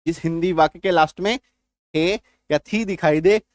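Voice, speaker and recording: A man's voice: a little high, moderate pace, no echo, studio quality. A man teaching a grammar lesson, explaining step by step and often checking that his students follow. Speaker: English teacher.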